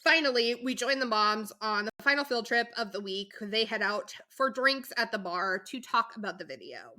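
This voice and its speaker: A woman co-hosting a podcast, recapping a show in a chatty, animated way, full of asides and fillers. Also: on the high side, moderate pace. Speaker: podcast co-host. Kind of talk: casual chat recapping a reality show.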